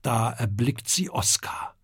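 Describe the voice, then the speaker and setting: A middle-aged man narrating a children's audiobook in a calm, expressive storytelling manner. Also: medium pitch, slow pace, slightly rough, dry recording, in a whisper, studio quality.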